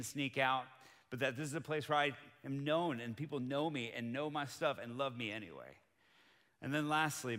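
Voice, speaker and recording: Earnest male pastor in a reverberant hall. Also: medium pitch. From grew up in Colombia. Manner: earnest, building to excited emphasis. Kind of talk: sermon.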